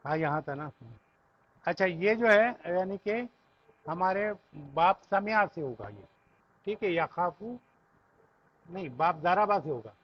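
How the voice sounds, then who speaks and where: A man with an Urdu accent teaches Arabic grammar, reciting conjugations one after another in a slow, patient way. His voice sits high and a little husky. The recording is dull and lo-fi. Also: lively intonation. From Pakistan. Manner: patient, recites conjugations in chanted lists, often checks "theek hai". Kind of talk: classroom lesson, reciting verb forms.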